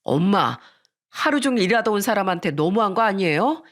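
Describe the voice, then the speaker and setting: A woman's voice: mid-range voice, big pitch swings, brisk. A woman voicing a fed-up grown son in a story narration, firm and exasperated.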